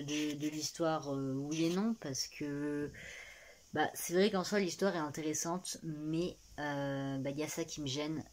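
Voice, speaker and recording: Young woman, low voice, casual rambling book-vlog chat, filming herself up close. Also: darkish tone. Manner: rambling, many fillers and restarts, laughs often. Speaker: booktuber.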